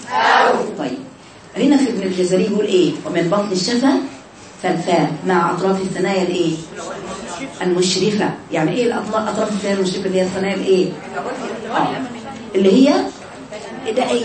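A woman with an Egyptian Arabic accent teaching Quran recitation in a class, drawing sounds out slowly to demonstrate them and asking her students questions. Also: mid-range voice. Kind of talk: online class lesson with students. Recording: echoey distant noisy recording.

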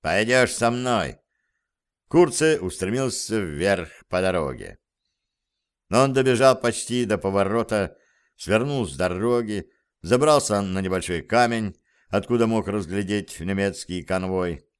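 A male narrator reads a war adventure as an audiobook, with a low-sitting voice and steady, measured delivery. The telling is even and composed. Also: clear, resonant tone. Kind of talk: scripted narration.

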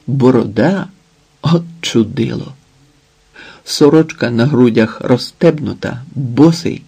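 A man narrating an audiobook novel in a slow, measured reading. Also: medium pitch, mellow, husky. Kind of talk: scripted narration.

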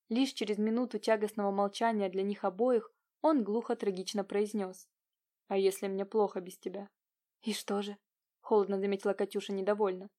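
A woman reading a historical romance audiobook as narrator, in smooth, even storytelling. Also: mid-range voice. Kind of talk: scripted narration.

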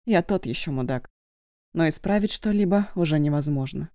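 A woman narrating an audiobook in the first person, steady and conversational, close to the mic. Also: low voice, normal speed, dry recording.

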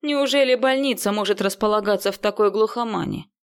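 A woman's voice: mid-range voice, a little fast, clear, resonant tone, close to an everyday voice. A woman voicing a nervous, hot-tempered male administrator who speaks anxiously and in exasperation. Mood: doubtful.

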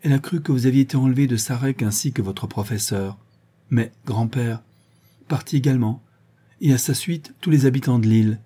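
A trembling mother, gentle and unsure, picks her words with care, as a man voices her in a reading. Her speech is soft and halting, in a dark, husky tone. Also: medium pitch, natural voice. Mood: hurried. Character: desperate mother, middle-aged woman, gentle and hesitant.

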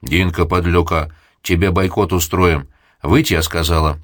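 A man's voice: deep voice, fairly even intonation, moderate pace, no room sound, studio quality. A man voicing a stern old village woman who scolds and reproaches. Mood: scolding.

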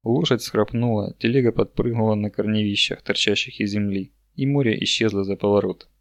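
Guy with a lowish voice reading a novel out loud, steady pace, dry close sound. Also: a little fast, no echo. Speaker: audiobook narrator. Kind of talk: scripted narration.

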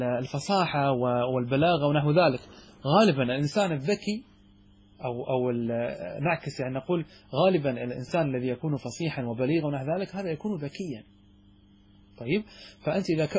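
Guy lecturing students, kinda husky and a bit high, quizzes them then answers himself, lots of restarts. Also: darkish tone. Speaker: sheikh teaching a logic text. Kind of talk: classroom lecture.

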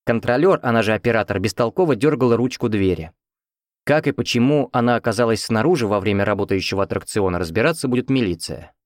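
A man's voice: mid-range voice, fast, dry recording, studio quality. A man reading first-person fiction as an audiobook narrator, in a conversational, wry storytelling manner.

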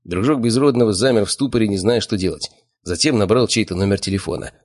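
Low-voiced man narrating an audiobook. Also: fast talker, a little mellow. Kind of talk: first-person audiobook narration.

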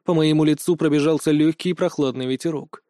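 A man's voice: on the high side, fairly even intonation, quick pace, mellow, no echo. A man narrating an audiobook in a cold, matter-of-fact manner. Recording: dry close studio sound.

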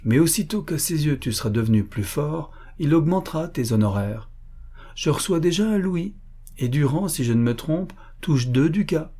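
A man voicing a worldly, shrewd orchestra conductor who explains things in a knowing, amused way, in a husky voice. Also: on the high side, lively intonation, moderate pace, warm tone, pitched above the performer's own voice.

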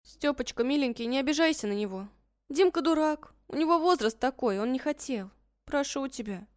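A man's voice: very high voice, normal speed, smooth, no echo, clean studio sound, voice pushed up. A man voicing a protective, feisty teenage sister in an audiobook, coaxing and bossy by turns. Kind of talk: audiobook character voice.

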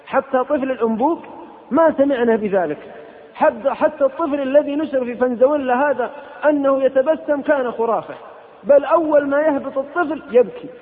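A man preaching an impassioned sermon, scolding and rising to sharp outbursts. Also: very high voice. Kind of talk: fiery sermon. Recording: tinny old cassette in a hall.

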